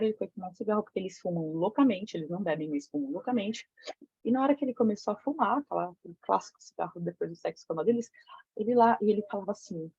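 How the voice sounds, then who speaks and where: A woman's voice: mid-range voice, dark tone, husky, no room sound. A woman with a Brazilian Portuguese accent tells a candid story to a group. She talks frankly, with slang and swearing. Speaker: women's tantra circle facilitator. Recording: dull lo-fi sound.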